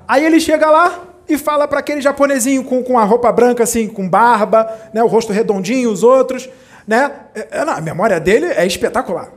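A man with a remarkably high-pitched voice gives a casual spiritual talk. He tells movie stories with animated energy and often stops to check in with his audience. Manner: animated storyteller, acts out quoted characters; conversational, checks in with listeners often. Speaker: spiritual speaker. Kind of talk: informal spiritual talk retelling film scenes.

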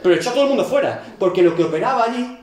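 A man teaches a Bible class in a high, very lively voice. He acts out scenes and tosses rhetorical questions at his students. The room is echoey. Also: racing. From Galicia, Spain. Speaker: seminary teacher. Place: church classroom.

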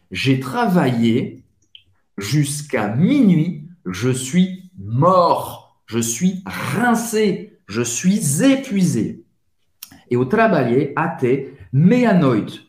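A man hosting a podcast French lesson, repeating each phrase slowly and spelling it out. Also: a little high, roomy sound. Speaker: French teacher, podcast host.

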